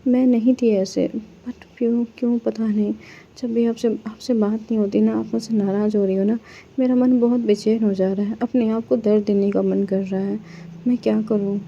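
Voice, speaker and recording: A woman voicing a remorseful young woman who pleads with her lover in halting, repeated phrases, on a slightly dull recording. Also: medium pitch, fairly even intonation, natural voice.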